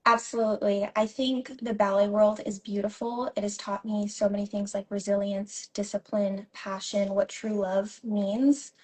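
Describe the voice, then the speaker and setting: She speaks at normal speed with few pauses, her mid-range voice showing little pitch movement. The woman, a twenty-something ballet dancer and teacher from San Jose, California, is an earnest interview guest in a casual chat who occasionally checks her notes.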